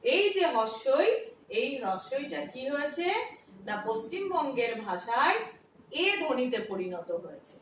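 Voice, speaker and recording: A woman teacher with a high, very animated voice explains a lesson step by step at a measured pace, asking questions and supplying the answers herself. The mic picks her up from a distance in an echoey room with faint noise.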